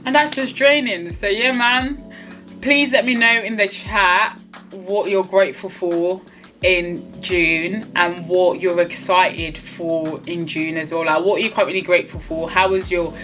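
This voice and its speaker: A woman's voice: fairly low pitch, steady tone, measured pace, a bit bright, faint music behind. A young woman, chatting casually to camera in a vlog, laughing often and saying "like" a lot. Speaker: vlogger.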